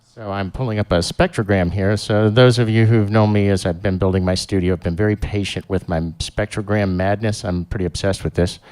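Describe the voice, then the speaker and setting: A man's voice: on the low side, steady tone, brisk, hardly any pauses, darkish tone. A man hosting a live-streamed show, chatting casually and rambling, with lots of fillers and restarts. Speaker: show host.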